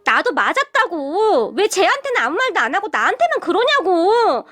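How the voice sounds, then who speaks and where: Brief: bratty shrieking sister-in-law, very high and lively, read by a woman narrator. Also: normal speed, exaggerated voice. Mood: whiny. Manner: shrieking, whiny. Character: bratty adult sister-in-law, shrill and spiteful.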